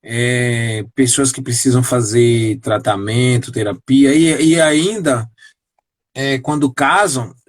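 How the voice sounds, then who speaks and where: Slow, reflective middle-aged man. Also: medium pitch. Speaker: co-host of a couples live stream. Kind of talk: casual chat.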